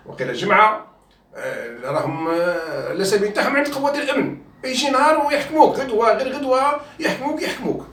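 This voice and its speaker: A man's voice: high voice, a bit bright, reverberant, far from the mic. A man journalist with an Algerian Arabic accent gives impassioned video commentary, appealing to viewers, swearing oaths and stumbling over repeated words.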